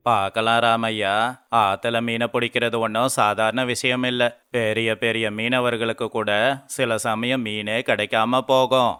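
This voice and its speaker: A man voicing a greedy, scornful older male boat owner in an animated storybook, talking down in slow, drawn-out mockery. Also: medium pitch, clear, resonant tone. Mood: mocking.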